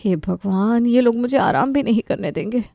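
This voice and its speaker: A woman's voice: fairly high pitch, lively intonation, moderate pace, vocal fry, dry recording, lo-fi sound, voice pushed up. A woman voicing a polite, weary, overworked young wife in a cartoon story.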